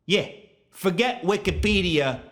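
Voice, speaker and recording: A man's voice: high-pitched, animated, unhurried, a bit bright. A man co-hosting a comedic sports podcast, backing up his partner with short teasing jabs. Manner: chiming in with short agreeing jabs. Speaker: podcast co-host.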